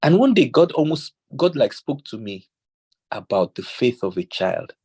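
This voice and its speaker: This Nigerian speaker on parenting has a medium-pitched voice with a breathy edge and talks at normal speed. He tells stories and quotes scripture, bringing the dialogue to life as an animated storyteller.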